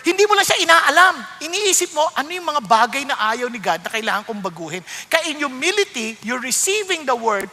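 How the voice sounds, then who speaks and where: High, bright Filipino pastor preaching. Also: male voice, fairly quick, few pauses, big-room sound. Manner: animated, swings between quiet reflection and loud rebuke; mixes Tagalog and English. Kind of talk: sermon.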